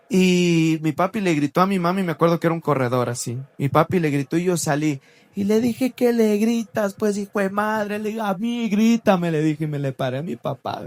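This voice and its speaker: A man, co-hosting a church podcast and telling a personal testimony in a casual, animated way. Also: fairly high pitch. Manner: animated, acts out quoted voices.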